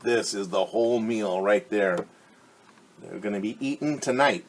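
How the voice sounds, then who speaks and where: A man with a somewhat low voice reads a picture book aloud to young children at a measured pace, with a little hiss or hum in the audio. As a teacher at story time, he explains words, asks the kids questions, and throws in playful sound effects.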